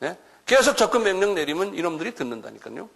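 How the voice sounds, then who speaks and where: A middle-aged man giving a sermon lecture to a congregation. He talks in an animated way, acts out scolding voices and keeps checking in with his listeners. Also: sits high, fast, vocal fry. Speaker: pastor.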